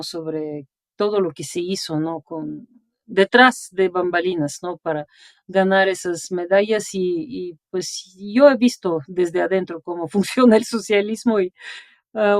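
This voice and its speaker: With a mid-range voice captured as clean studio sound with no room sound, a Bulgarian sinologist and translator in her forties tells stories animatedly in a conversational interview. She laughs as she goes and tags almost each phrase with a questioning "no".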